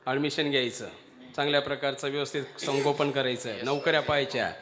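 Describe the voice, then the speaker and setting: A man's voice: mid-range voice, flat delivery, brisk, a crowd in the background. A man delivering a devotional kirtan sermon, preaching emphatically, chanting Sanskrit verses and putting rhetorical questions to the audience.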